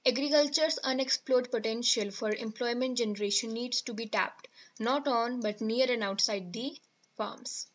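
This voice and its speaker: A woman with an Indian English accent reads a newspaper article aloud for exam students, then explains it. Her voice sits fairly high. The audio is slightly dull and lo-fi. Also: normal speed. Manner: reads steadily, with fillers and self-corrections. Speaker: teacher.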